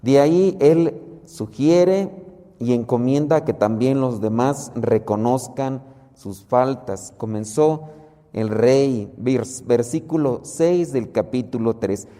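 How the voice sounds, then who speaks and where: Man preaching, mellow voice. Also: mid-range voice, long reverb tail. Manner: slow, measured explaining of scripture. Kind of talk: sermon.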